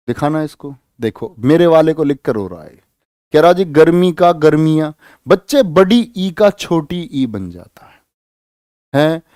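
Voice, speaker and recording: A man's voice: on the high side, darkish tone, no room sound, studio quality. A man teaching grammar in a live exam-prep class, repeating questions and prodding students to answer.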